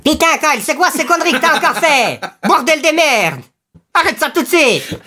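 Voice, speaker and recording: A man voicing an irate, nagging, foul-mouthed cartoon father in a high squawk. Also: very animated, normal speed, pushed and bright, a little hiss or hum, exaggerated voice.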